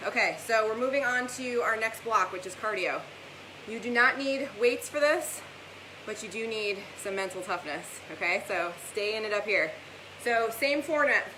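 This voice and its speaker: A woman working as a fitness instructor, calling out encouragement, cues and countdowns as she exercises through a live workout class. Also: medium pitch. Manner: exerting herself while talking through the exercises. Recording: echoey room, far from mic, loud hiss.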